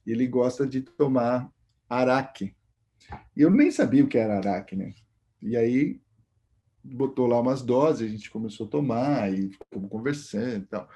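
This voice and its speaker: A man's voice: mid-range voice, lively intonation, normal speed, warm tone. A Brazilian man, a guest musician, telling a long rambling anecdote in a casual interview. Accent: Brazilian Portuguese. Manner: rambling anecdotal, many fillers.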